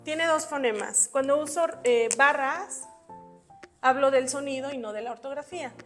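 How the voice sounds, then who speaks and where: A woman's voice: high-pitched, moderate pace, a bit bright, soft background music. A woman giving an exam-prep spelling lesson, patiently explaining rules step by step with examples while writing on a board. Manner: writes on a board while talking. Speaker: spelling teacher.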